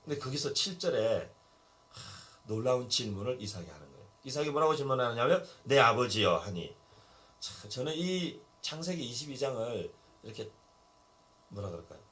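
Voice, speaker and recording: A man's voice: medium pitch, very animated, normal speed, fairly bright tone. A middle-aged male pastor preaching a sermon, telling stories and acting out Bible dialogue. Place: church basement hall.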